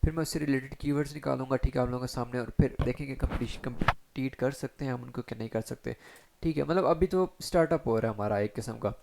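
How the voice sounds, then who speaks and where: A man teaching SEO in a chatty screen-share tutorial, talking straight to viewers and filling pauses with short check-ins. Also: medium pitch, gravelly, background noise. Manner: chatty, addresses viewers directly with frequent fillers. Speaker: SEO instructor.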